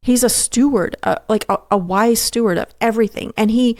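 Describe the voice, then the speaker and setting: A woman guest on a podcast interview, earnestly telling a faith story, halting with restarts and fillers. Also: on the high side, a little mellow, dry recording, studio quality.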